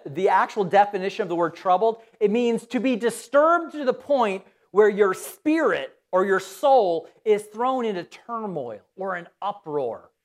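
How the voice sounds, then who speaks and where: Woman, pastor, sermon, conversational, questions to the audience, animated pitch. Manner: acts out quoted voices.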